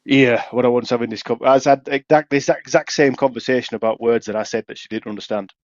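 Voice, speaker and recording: Rambling broad Yorkshire bloke. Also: male voice, mid-range voice, steady tone, fast, no echo. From Yorkshire, England. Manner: chatty, rambling storyteller. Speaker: podcast co-host. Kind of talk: casual pub-banter chat. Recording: dry, slightly dull podcast audio.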